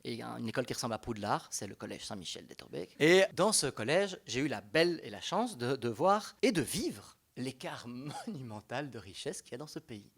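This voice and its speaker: A young man with a Belgian French accent giving a public talk as a panel speaker, animated and conversational, often restarting his sentences. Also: medium pitch, a little fast, few pauses, slightly rough.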